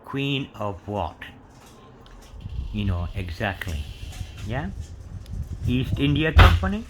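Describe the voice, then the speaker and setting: Taking his time in a sing-song, medium-pitched voice, a coin collector rambles through his show-and-tell. He keeps dropping "you know" and "yeah" and reads inscriptions letter by letter, against a noisy background.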